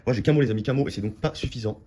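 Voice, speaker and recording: A man's voice: mid-range voice, racing, dark tone, a little hiss or hum. A man giving casual running commentary to his viewers while scratching lottery tickets, repeating words as he checks them. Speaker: scratch-card vlogger.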